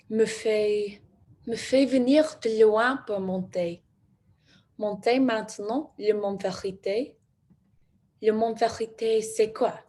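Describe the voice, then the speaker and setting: A young woman, a student actor, performing a slow, reflective theatre monologue as a determined young woman searching for her truth. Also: mid-range voice, darkish tone. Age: young adult. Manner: slow, reflective, repetitive phrasing.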